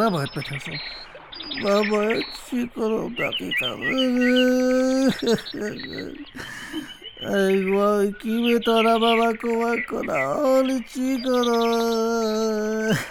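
A forgetful little rabbit, voiced by a woman, frets aloud and pleads for help in an Afghan Dari accent. The voice sits at a middling pitch with a faint hiss of noise behind it, in a children's cartoon. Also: close to an everyday voice. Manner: fretful, talks to herself, pleading.

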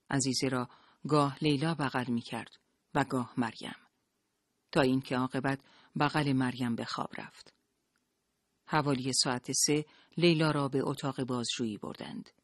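A narrator reading a novel aloud at an even, measured pace. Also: medium pitch, no echo, studio quality. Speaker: audiobook narrator.

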